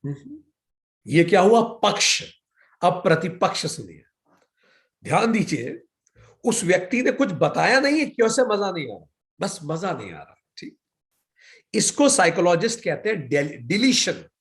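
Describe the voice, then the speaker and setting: Animated man teaching yoga philosophy. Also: sits high, measured pace. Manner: asks rhetorical questions, then answers them himself; mixes English words into Hindi. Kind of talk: spiritual lecture.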